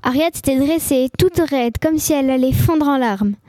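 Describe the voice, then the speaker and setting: A woman narrating a children's story in a lively, expressive reading. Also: sits high, normal speed, no echo. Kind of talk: scripted audiobook narration.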